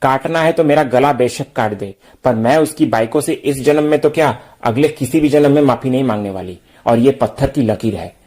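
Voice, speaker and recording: A man's voice: medium pitch, normal speed, few pauses, darkish tone, lightly acted. A man reading the lines of an arrogant, defiant older woman in a haughty, scornful way, keeping his own voice.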